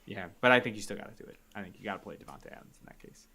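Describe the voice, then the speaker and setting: A man co-hosting a casual sports podcast, chatty and joking, quick to give his opinions. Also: fairly low pitch, expressive, sharp tone. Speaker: podcast co-host.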